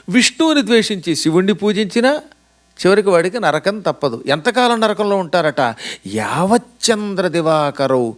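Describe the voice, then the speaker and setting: A man giving a religious discourse, telling sacred stories with animated dialogue and slowly chanted verses. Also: high-pitched. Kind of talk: storytelling sermon. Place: lecture venue in the US.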